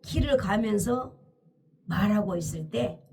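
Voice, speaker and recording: A woman's voice: medium pitch, measured pace, creaky, a little mellow, recorded from a distance. A woman preacher telling a scripture story as a dramatic, emphatic sermon, often crying out hallelujah.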